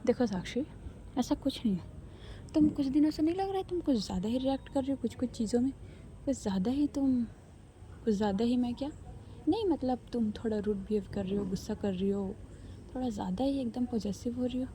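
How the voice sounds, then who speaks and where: A woman voicing a young woman who brushes off questions and soothes her partner in a calm, reassuring way. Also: fairly high pitch, fairly quick, a little hiss or hum, lightly acted.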